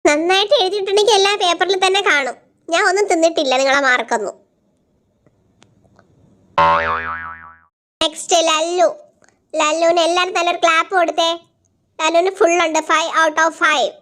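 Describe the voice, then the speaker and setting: Stern schoolteacher, voiced by a woman, scolding, high-pitched, doll-play voice acting. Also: steady tone, brisk, a bit bright. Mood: bossy. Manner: stern, scolding, threatens to cane. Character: strict scolding female schoolteacher.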